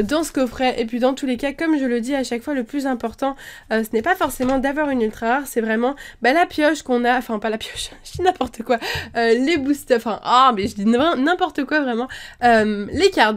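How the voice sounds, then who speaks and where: A woman chatting casually while opening trading card packs, thinking aloud with frequent fillers and restarts. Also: sits high. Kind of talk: casual unboxing chat.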